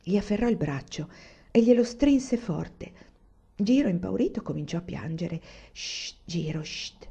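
Gravelly woman reading a novel aloud. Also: medium pitch, expressive, moderate pace, warm tone. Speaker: reader. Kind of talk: audiobook narration. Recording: dull lo-fi recording.

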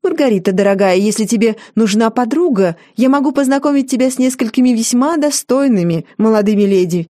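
A woman's voice: fairly high pitch, lively intonation, a little fast, hardly any pauses, warm tone, pitched above the performer's own voice, close to an everyday voice. A woman playing a haughty older matriarch. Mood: imperious. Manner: cold, imperious.

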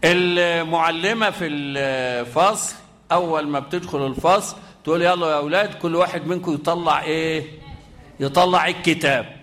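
Egyptian male Quran teacher with a high voice, middle-aged, brisk classroom quizzing mixed with slow chanted verses. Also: a bit bright. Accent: Egyptian Arabic. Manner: quizzing students, chanting Quran examples slowly. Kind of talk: lively tajweed lesson with students.

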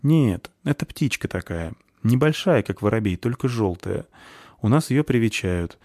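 A man's voice: lowish voice, lively intonation, normal speed, dark tone, no echo, studio quality, voice pushed up. A man voicing a young orphan novice girl who speaks politely and timidly in an audiobook. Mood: timid, earnest. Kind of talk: audiobook character voice.

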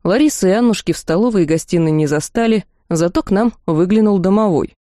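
A woman's voice: mid-range voice, fast, dark tone, no room sound, clean studio sound. A woman reading a first-person fantasy novel aloud as an audiobook narrator.

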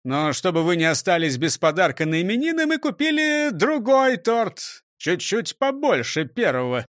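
A smug, sly gang boss, played by a man in a storybook reading. He wheedles and boasts with a lively, rising voice, close and dry. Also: sits high, normal speed, dry recording.

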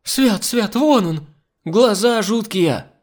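A man's voice: fairly high pitch, expressive, unhurried, darkish tone, pitched above the performer's own voice. A man doing a whining pious old nanny. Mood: terrified. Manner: whining, superstitious. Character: old frightened woman servant, pious and whining. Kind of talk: audiobook reading.

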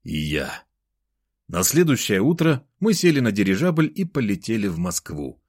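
A man's voice: medium pitch, big pitch swings, moderate pace, a little mellow, breathy edge, dry recording, studio quality. A man reading a first-person novel aloud as an audiobook narrator.

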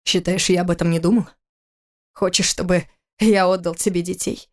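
A woman's voice: mid-range voice, brisk, darkish tone, lightly acted. A woman voicing a cold, furious adult husband in an audiobook, speaking in a harsh, clipped, contemptuous way. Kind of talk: audiobook character reading.

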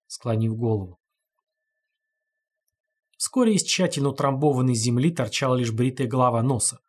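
A man narrating a grim horror audiobook in a steady, measured delivery. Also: medium pitch, husky.

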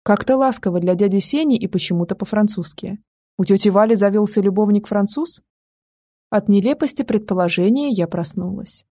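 A woman's voice: medium pitch, fairly quick, dark tone, no echo, clean studio sound. A woman narrating a first-person audiobook in an intimate, wry manner.

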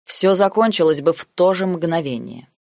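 A woman reading the lines of a cold, calculating noble uncle in an audiobook, measured and sarcastic. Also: fairly low pitch, a little mellow, dry recording, clean studio sound, natural voice. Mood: cold, lecturing. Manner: measured, lazy, coldly sarcastic.

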